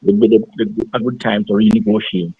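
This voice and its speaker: A middle-aged man, calling in and talking hesitantly with many pauses, his voice muffled as if heard through a wall. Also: on the low side, lively intonation, vocal fry, husky, no echo. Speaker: caller. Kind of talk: casual discussion. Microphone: phone. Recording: muffled dull call line.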